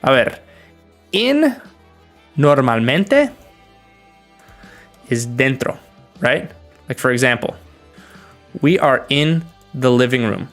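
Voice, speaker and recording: A young American man from the northern US runs a casual livestream Q&A, teaching English in an easygoing, friendly way. His voice sits at an ordinary middle pitch, and faint music plays under his talk. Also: slow, long pauses. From northern United States. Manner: relaxed, greets viewers by name, explains with examples. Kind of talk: livestream Q&A, bilingual.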